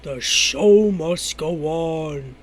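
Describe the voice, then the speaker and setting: A dopey, mischievous cartoon starfish, acted out by a man. He boasts in a slightly high voice, dragging his words very slowly over background noise. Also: steady tone, a little mellow. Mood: earnest.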